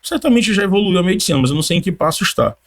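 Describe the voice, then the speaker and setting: High-pitched and rapid-fire, this young man from Brazil tells his personal testimony with lots of animation as a podcast guest. Frequent laughter and repeated use of "cara" for the listener mark his delivery.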